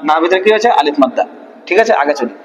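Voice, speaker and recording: A man's voice: sits high, expressive, racing. A man teaching Quran reading, drilling syllables and asking and answering his own questions. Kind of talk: recitation lesson. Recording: echoey room with long reverb.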